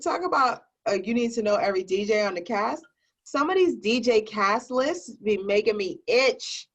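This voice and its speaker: A tipsy woman co-hosting a casual comedic chat, telling things in an animated way and acting out imagined quotes. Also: on the high side, normal speed. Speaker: co-host of an online rant show.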